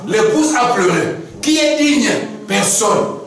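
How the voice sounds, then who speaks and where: A man's voice: very high voice, animated, takes it slowly, very echoey. A man preaching a sermon, acting out dialogues in shifting voices, heard from a distance in a room with faint background noise.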